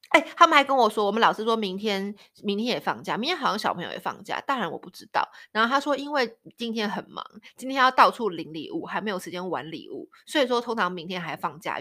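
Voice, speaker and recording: A Taiwanese woman in her thirties with a Taiwanese Mandarin accent hosts a casual storytelling podcast, laughing often and acting out the voices of people in her stories. Her medium-pitched voice is bright and forceful.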